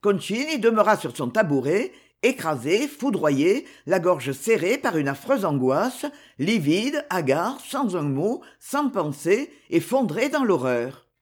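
Expressive, slightly husky narrator. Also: medium pitch, a little slow, hardly any pauses. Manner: dramatic, expressive storytelling. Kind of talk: audiobook reading of a historical novel.

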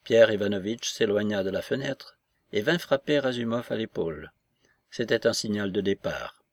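A man reading a novel aloud in an even, measured narration. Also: lowish voice, no echo. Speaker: audiobook narrator. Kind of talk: scripted literary narration.

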